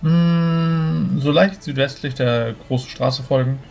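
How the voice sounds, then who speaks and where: A man's voice: a little high, slow pace, vocal fry, darkish tone. Man casually playing tabletop, music behind. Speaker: player. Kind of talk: casual tabletop game talk.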